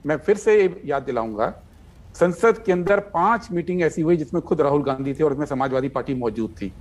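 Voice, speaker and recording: A man's voice: fairly high pitch, animated, fairly quick. A man speaking as a party guest in a heated TV debate, insistent and argumentative, citing figures to make his point.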